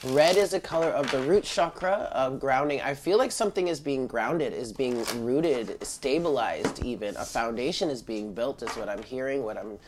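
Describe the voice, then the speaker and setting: A tarot reader, voice medium in pitch and thick with congestion, does a spiritual card reading at a table indoors, chatting informally to viewers. She talks at a normal speed with hardly any pauses, over some background noise.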